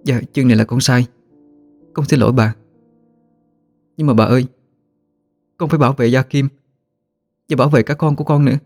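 A man's voice: mid-range voice, fairly even intonation, a little mellow, no room sound, soft background music, pitched above the performer's own voice, lightly acted. A man voicing an anxious, apologetic young wife speaking to her grandmother-in-law. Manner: apologetic, hurried.

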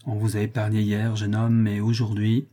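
A man's voice: fairly low pitch, monotone, normal speed, mellow, lightly acted. A man voicing a mysterious hooded monk who speaks with solemn, imperious authority.

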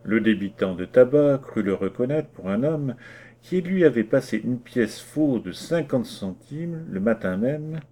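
A man narrating a classic short story as an audiobook, in a measured, expressive storytelling manner. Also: medium pitch.

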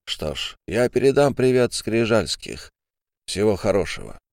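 Composed male official, a male reader doing him, calm and quietly cutting, smooth low voice. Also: no room sound, studio quality, full character voice. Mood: cool. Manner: calm, measured, faintly mocking.

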